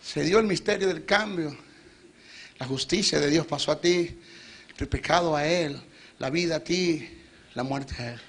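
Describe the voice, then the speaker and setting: A man with a Venezuelan Spanish accent preaching a sermon, theatrical, shifting between loud exhortation and low, quiet storytelling. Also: unhurried, long pauses, slight background noise. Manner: theatrical, switches between shouting and low asides, acts out devil and God.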